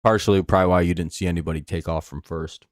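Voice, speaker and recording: An American man with a slight lisp and a whistling s from false teeth gives casual, rambling, sweary play-by-play and chat on a live sports stream, in laid-back fan style. His voice is low-pitched with fairly even intonation and a quick pace, recorded dry with clean studio sound.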